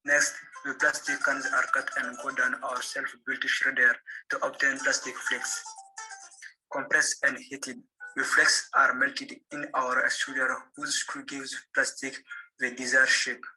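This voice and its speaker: A man with a Malian accent narrates a scripted explanation in a steady reading voice. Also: medium pitch, unhurried, faint music behind, poor audio.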